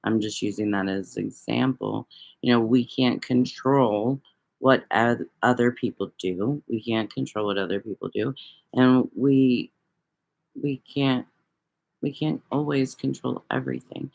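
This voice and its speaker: A woman's voice: very deep voice, fairly even intonation, measured pace, creaky, a little mellow. A woman hosting a casual livestream, talking loosely to viewers, rambling and swearing freely. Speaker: livestream host reading viewer chat.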